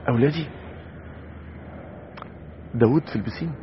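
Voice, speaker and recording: A man with an Egyptian accent preaching a sermon, telling a story and moving from soft asides to loud exhortation. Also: medium pitch, moderate pace. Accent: Egyptian Arabic. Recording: dull lo-fi sound with faint noise.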